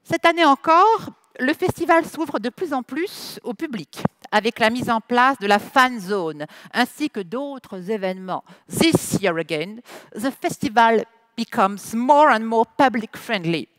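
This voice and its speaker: Expressive and fairly high-pitched, with a slightly bright tone, this French-accented woman opens a festival from the stage. She jokes with the crowd in both French and English, teasing playfully but choosing her words with care.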